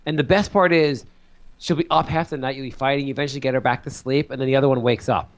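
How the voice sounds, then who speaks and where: A man's voice: mid-range voice, fast. Male co-host, mid-range voice, rambling storyteller, loose and chatty. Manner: rambling, animated storytelling with lots of fillers. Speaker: podcast co-host; father of two small children. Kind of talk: casual chat.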